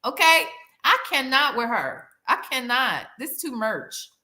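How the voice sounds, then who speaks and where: Animated woman host doing a sarcastic smug exposé for her chat, sharp voice, really swoopy pitch, repeats stuff for effect. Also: measured pace. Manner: smug, sarcastic exposé delivery, mocking and incredulous; emphatic, repeats phrases for effect. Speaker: YouTube content creator, host. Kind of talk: call-out commentary to a live chat.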